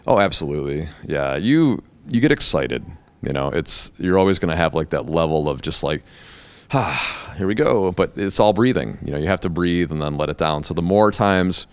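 Low-voiced guy on a podcast, blunt, jokey, cusses a bit. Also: animated, a little fast, clear, resonant tone, no room sound. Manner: blunt, joking, swears casually. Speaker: guest, hair educator. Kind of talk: casual podcast conversation.

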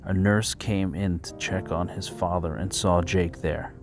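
A man narrating a story in a steady, even reading voice, over faint background music. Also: low voice, measured pace.

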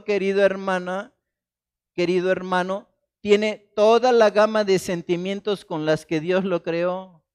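A man from Mexico, a pastor preaching a sermon in church, swinging between loud emphasis and soft, hushed quotations. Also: high-pitched, clear, resonant tone. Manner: dramatic, shifts between loud emphasis and soft quoted asides.

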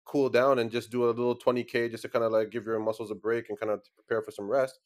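Male podcast guest, mid-pitched, casual and slangy, repeats phrases for emphasis. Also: little pitch movement, quick pace. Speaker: podcast guest, cycling club founder. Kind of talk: casual chat.

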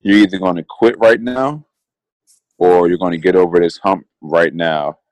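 A young man in his twenties speaks with a very low, deep voice, close and dry with no room sound. He co-hosts a casual podcast, talking earnestly and reflectively and circling back over his own phrases as he thinks aloud. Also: normal speed, a little mellow, no room sound. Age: 20s. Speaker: podcast co-host.

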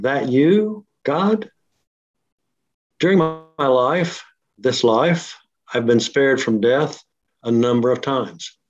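A man reading his memoir aloud at a steady, measured pace, his voice coming through a laptop speaker on a remote line. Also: mid-range voice. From Oklahoma City. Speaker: guest author. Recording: dull lo-fi remote audio.

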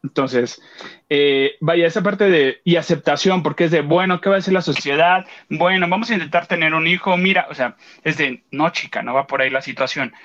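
On a radio show, a co-host with a Mexican Spanish accent chats about a trip to the theater, telling the story with animation and voicing the people in it. He speaks briskly in a fairly high, slightly bright voice over lo-fi sound.

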